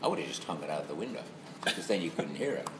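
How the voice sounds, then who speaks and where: A middle-aged man with a west of Ireland accent talks over music in an extremely low, sing-song voice at a quick pace. Interviewed as a comedy venue operator, he jokes casually in a wry, mock-serious rant, in an echoey room with clear background noise.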